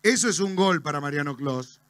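A man's voice: fairly high pitch, animated, fairly quick, heavy background noise. A man doing nostalgic stand-up comedy on a festival stage. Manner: nostalgic joking banter.

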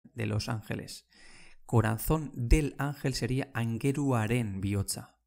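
Slow, gravelly-voiced man teaching a language. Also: mid-range voice, darkish tone. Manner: explains slowly, repeating words and checking in with "¿vale?". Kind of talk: casual language lesson.

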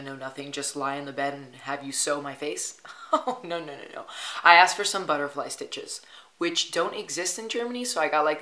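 Low-voiced bright young woman vlogging. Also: reverberant. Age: 20s. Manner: chatty and upbeat, heavy use of "like". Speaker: travel vlogger. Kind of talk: casual vlog narration.

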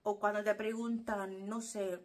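A woman's voice: mid-range voice, flat delivery, unhurried, darkish tone. A Cuban woman vlogging casually to her viewers, explaining things expressively and acting out quotes. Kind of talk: casual talk to camera.

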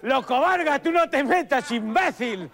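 A man's voice: very high voice, lively intonation, a little slow, heavily acted. A man doing a brash football coach. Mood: shouting, boastful. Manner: boastful, insulting, shouting at players. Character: brash foul-mouthed Spanish-accented male football coach. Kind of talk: sketch comedy press conference. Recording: studio audience laughing.

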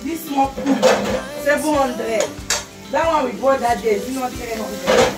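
A woman's voice: sits high, measured pace. A woman with a Nigerian accent chatting playfully while she cooks in a home kitchen for a vlog. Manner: teasing, playful banter. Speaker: vlogger cooking. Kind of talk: casual kitchen chat. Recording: echoey kitchen with loud music.

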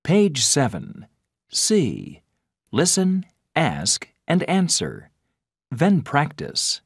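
Deep-voiced woman reading textbook cues. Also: wildly swooping pitch, no echo, studio quality. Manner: slow, clear announcing of page numbers and tasks. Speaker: course audio narrator. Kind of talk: scripted textbook instructions.

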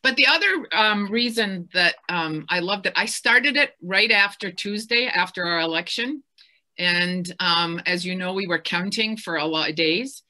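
A woman with a Scottish accent chats eagerly on a video call. Her voice sits a little low but rings bright and forceful, and her talk is full of ums as she gushes. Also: lively intonation, moderate pace. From west coast of Scotland. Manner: enthusiastic, chatty, many fillers. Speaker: interviewer. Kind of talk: casual book-event chat.

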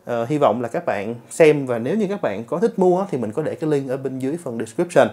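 Fast-talking tech reviewer. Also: male voice, medium pitch, lively intonation, dark tone. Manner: chatty, addresses viewers directly with filler particles. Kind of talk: casual product review.

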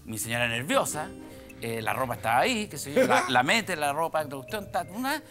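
A man's voice: a little high, brisk, music in the background. A middle-aged Chilean man, a comedian guest in a TV studio, telling a comic anecdote and acting out every line of dialogue. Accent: Chilean Spanish. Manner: animated, acts out dialogue and sound effects.

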